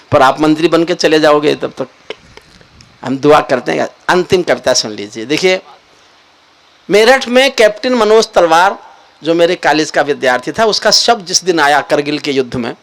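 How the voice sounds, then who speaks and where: A man's voice: on the high side, normal speed. Older male poet telling stories on stage. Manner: animated storyteller, expressive swings in delivery. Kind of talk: stage poetry and joke telling to a live audience. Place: live event stage.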